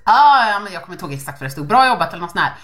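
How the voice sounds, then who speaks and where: A woman co-hosting a podcast in casual chat, telling stories animatedly and acting out quotes. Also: on the low side. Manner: animated storytelling, acts out quotes. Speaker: podcast co-host.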